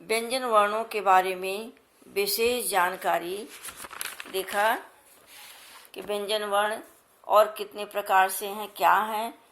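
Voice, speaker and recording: A woman teaching a grammar lesson to schoolchildren, slowly repeating each point and speaking straight to her pupils. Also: mid-range voice, fairly even intonation, fairly bright tone, slight background noise. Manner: addresses pupils directly.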